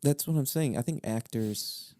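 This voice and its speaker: A young man co-hosting a podcast in casual chat, animated, breaking into loud quoted film lines. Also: mid-range voice, moderate pace, no room sound, studio quality. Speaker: podcast co-host.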